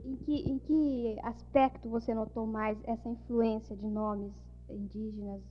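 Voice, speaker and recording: A woman interviewer asking soft, probing questions. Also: a little high, steady tone, measured pace. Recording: dull lo-fi recording with faint hum.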